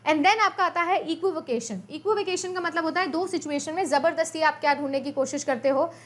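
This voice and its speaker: Speaking at an extremely high pitch and a brisk pace, a woman gives a chatty exam-prep lecture. She mixes Hindi and English terms, repeats her points often, and asks her students questions along the way.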